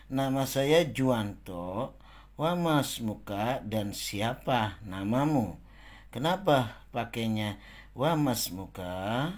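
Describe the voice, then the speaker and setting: A man's voice: medium pitch, darkish tone. A man teaching a beginner Arabic lesson, reading out dialogue lines and repeating and translating each phrase. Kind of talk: slow explanatory lesson.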